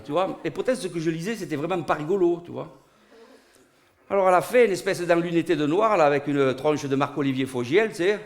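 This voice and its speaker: Stand-up storyteller, southern French accent, fairly high voice, bursts of loud animated ranting. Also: male voice. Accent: Niçois southern French. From Nice, southern France. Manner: animated, rising to loud outbursts in anecdotes. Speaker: stand-up comedian. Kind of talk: comic monologue storytelling. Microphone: studio recording.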